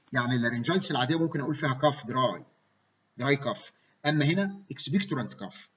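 A man's voice: mid-range voice, a bit bright, slightly rough, muffled recording. A man with an Egyptian Arabic accent giving a medical lecture, mixing English medical terms into his Arabic and often checking that students follow.

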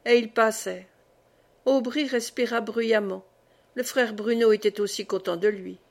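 A woman reading a historical novel aloud in steady, clear scripted narration. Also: on the high side, unhurried. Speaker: audiobook reader.

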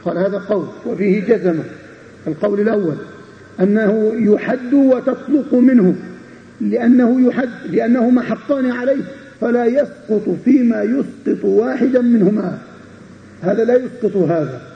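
A man teaching a classical legal text to students, pausing often to check that they follow. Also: high-pitched, vocal fry. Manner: explains with repeated checking questions to students. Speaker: Islamic scholar teaching a text. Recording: dull lo-fi recording in an echoey room.

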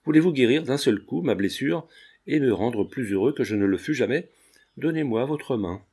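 A man's voice: medium pitch, lively intonation, moderate pace, mellow, breathy edge. Male narrator as an earnest young painter in love, tender, storybook.

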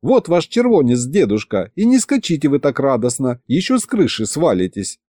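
A man's voice: medium pitch, big pitch swings, normal speed, warm tone, dry recording, clean studio sound. Prim grumbling vampire lady, voiced by a man. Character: fussy female vampire courtier, sarcastic.

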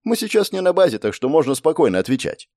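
A man voicing a brisk, mocking young woman who is a player in a game world, in an audiobook. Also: fairly high pitch, very animated, a little mellow, no echo, studio quality, voice pushed up. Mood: teasing, brisk. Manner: snappy, teasing, exclamatory.

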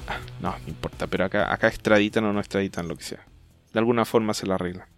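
A Chilean man hosting a podcast in casual chat, talking thoughtfully and often pausing to restart his sentences. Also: on the low side, fairly even intonation, soft background music. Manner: thoughtful, hesitant, trails off and restarts mid-thought. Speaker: podcast host.

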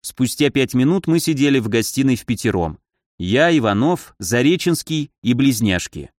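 A man narrating a fantasy audiobook in the first person, lively and expressive. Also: medium pitch, moderate pace, no echo, studio quality.

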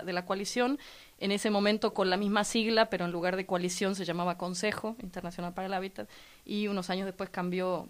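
A woman from La Plata whose Argentine accent is mixed with Mexican, explaining her organization's work calmly and fluently as a guest in a radio studio interview. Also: mid-range voice. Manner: measured, fluent, structured explanations with frequent "¿no?" and "digamos". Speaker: guest, coalition president.

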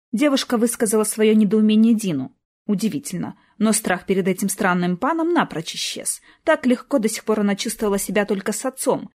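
A woman reading a fantasy novel aloud as an audiobook narrator, with expressive, lively storytelling. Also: medium pitch, slightly rough.

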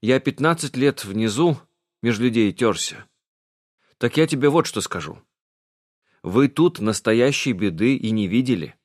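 A man's voice: mid-range voice, expressive, measured pace, dry recording, studio quality. A man voicing a terse, world-weary wanderer. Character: weary grown man, wanderer and healer, gruff.

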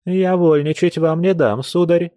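A man's voice: animated, unhurried, mellow, no room sound. A man reading an audiobook, voicing a stern, fussing old grandmother who scolds. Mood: scolding. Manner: scolding, raised higher voice.

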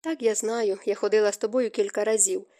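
A woman voicing an anxious, earnest young woman who speaks in halting, urgent phrases. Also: mid-range voice, fairly even intonation, mellow, natural voice. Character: anxious young woman haunted by old fear.

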